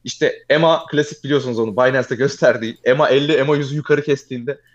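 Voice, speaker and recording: A young man telling a long personal story in casual chat, fast and animated, often calling the listener "abi". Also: medium pitch, muffled recording.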